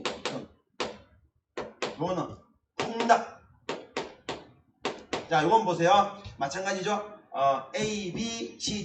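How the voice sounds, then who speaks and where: Man lecturing at a blackboard, echoey room. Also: sits high. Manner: emphatic, repeats key words. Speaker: essay-writing instructor. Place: classroom at a large blackboard. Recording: echoey classroom, distant mic, faint noise.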